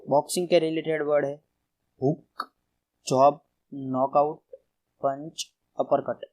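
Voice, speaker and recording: A man's voice: medium pitch, darkish tone, low-quality recording. A man teaching a general knowledge revision lesson, reading out word lists and stressing each term. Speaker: quiz teacher.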